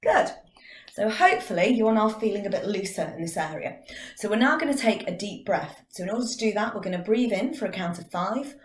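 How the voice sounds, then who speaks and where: A woman teaching drama, calmly guiding a class through a breathing and vocal warm-up and counting out each breath. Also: mid-range voice, fairly quick. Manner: calm, counting out breathing exercises. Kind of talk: guided vocal warm-up lesson. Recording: echoey room.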